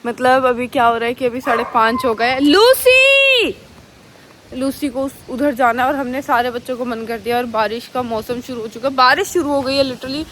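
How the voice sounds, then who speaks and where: A woman's voice: on the high side, steady tone, fairly quick, hardly any pauses. A woman who runs an animal shelter, chatting casually to her viewers and speaking with care so she doesn't trip over her words. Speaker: animal rescuer running a shelter. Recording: noisy phone recording with rain behind.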